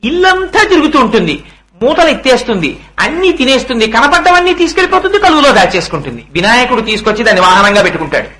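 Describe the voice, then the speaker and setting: A man giving a devotional sermon on scripture, chanting verses slowly and asking his listeners rhetorical questions. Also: very high voice, big pitch swings, bright, forceful tone, low-quality recording. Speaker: religious discourse speaker.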